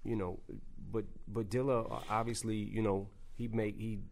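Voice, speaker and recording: A man's voice: lowish voice, flat delivery, normal speed, vocal fry, darkish tone. A man speaking as a guest in a casual interview, rambling through his memories with many restarts. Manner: rambling, lots of "you know" and restarts. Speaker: rapper guest.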